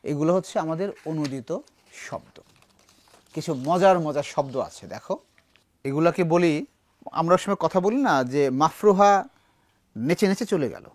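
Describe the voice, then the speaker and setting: Man, recitation teacher, explanatory, fairly high, dry. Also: animated, no room sound. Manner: explanatory, asks students questions, recites verse slowly. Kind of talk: classroom lesson.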